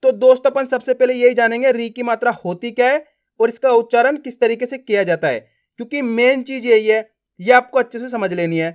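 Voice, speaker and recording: Man teaching reading, slow drilled syllables. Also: very high-pitched. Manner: slow drilled pronunciation, repeated prompts to learners. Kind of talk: classroom-style lesson.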